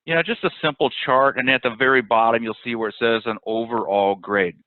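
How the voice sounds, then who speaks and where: A man runs a sales training webinar in a casual, rambling way, with frequent fillers and restarts. His voice sits at an ordinary pitch. The audio is dry and thin, like a phone call. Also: steady tone, brisk, dry recording. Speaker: webinar presenter.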